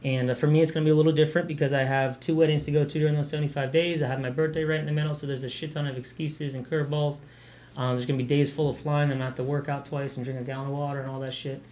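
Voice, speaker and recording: A young man hosting a casual podcast, talking in a loose, rambling way and swearing freely. His voice sits a little high for a man. He laughs easily between thoughts. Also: flat delivery, very fast, darkish tone. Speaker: podcast host.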